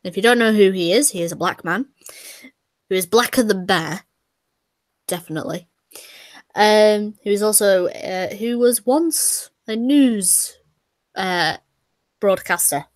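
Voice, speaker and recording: A woman chats and laughs through a casual stream, poking fun at her own singing. Her voice sits at a middle pitch and sounds close and dry, with no room in it. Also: a little slow, pauses often, no room sound. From Britain. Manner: chatty, laughing, self-mocking. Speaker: co-host.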